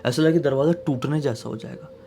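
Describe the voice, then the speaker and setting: A man telling a horror story in a casual, dramatic way, swinging between loud bursts and hushed tones. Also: medium pitch, a little fast, slightly rough.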